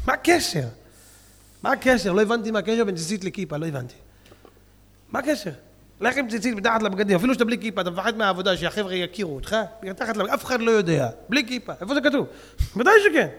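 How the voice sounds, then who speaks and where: Brief: male preacher, very high voice, mocking, emphatic sermon delivery, long hall reverb. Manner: animated, mocking, emphatic, acts out jokes.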